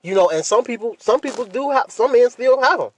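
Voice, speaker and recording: A podcast host with a very high-pitched, animated voice talks a little fast, casual and candid, using blunt, profane slang and repeating himself for emphasis.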